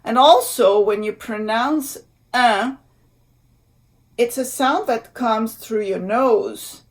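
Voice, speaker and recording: Slow-paced woman teaching pronunciation. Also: fairly high pitch. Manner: deliberate, repeats example words. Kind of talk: instructional language lesson, demonstrating sounds and words.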